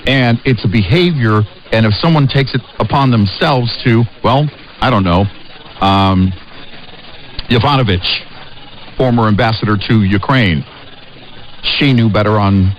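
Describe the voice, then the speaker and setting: An American man co-hosting a conversational political talk radio show, speaking emphatically with halting restarts and repeated short phrases. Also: on the low side, slight background noise. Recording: dull, band-limited radio sound.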